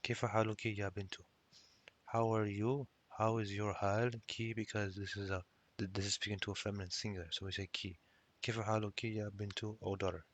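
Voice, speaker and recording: Speaking quickly in a fairly low, level, slightly bright voice, a man leads a textbook Arabic lesson with no room sound. Line by line he reads the Arabic, translates it and patiently explains the grammar, often restarting his words.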